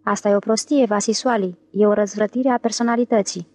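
A woman's voice: mid-range voice, steady tone, a little mellow, no echo, lightly acted. A woman voicing a blunt wife who speaks curtly and with irritation. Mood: scolding. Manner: curt and irritated.

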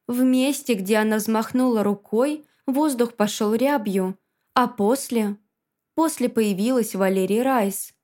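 A woman narrating a first-person fantasy story in a measured, dramatic storytelling manner. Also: fairly high pitch, darkish tone. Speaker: audiobook narrator.

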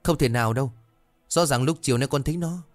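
A man's voice: mid-range voice, quick pace, no echo, faint music behind, voice pushed up, lightly acted. A man voicing a timid, curious young village boy who asks frightened, pleading questions. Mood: anxious.

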